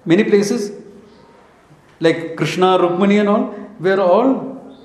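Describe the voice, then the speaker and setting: A man's voice: high voice, takes it slowly, darkish tone. A man with an Indian accent giving an informal spiritual lecture, telling stories in short emphatic phrases, asking rhetorical questions and slipping into Hindi and Sanskrit. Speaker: spiritual teacher. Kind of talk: informal scripture lecture with storytelling. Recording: echoey room.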